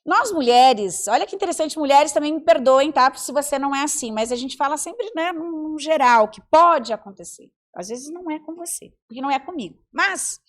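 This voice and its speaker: A woman in her forties, a psychologist and mentor, talking in an animated way on a podcast and acting out the voices she quotes. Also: sits high, fairly quick, hardly any pauses. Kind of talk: podcast conversation.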